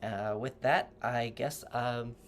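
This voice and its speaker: Rambling, gently advising tarot reader. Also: mid-range voice, takes it slowly, a little hiss or hum. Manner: loose and rambling, with frequent self-corrections; gently advising, speaking straight to the viewer. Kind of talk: casual tarot reading to camera.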